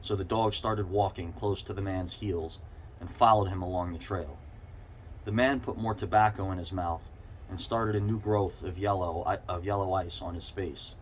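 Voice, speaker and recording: A man's voice: sits low, steady tone, moderate pace. A man reading a short story aloud, stumbling slightly over words now and then. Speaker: reader. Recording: clearly noisy background ambience.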